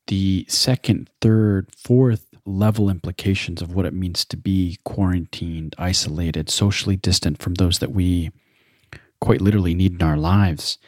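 Male podcast host; very deep, dry-recorded voice; measured, reflective interviewer. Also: no room sound.

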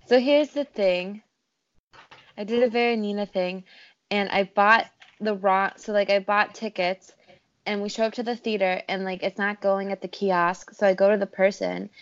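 A woman's voice: medium pitch, steady tone, moderate pace. A young woman in a casual group chat, telling a self-deprecating story full of "like.". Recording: dull lo-fi recording.

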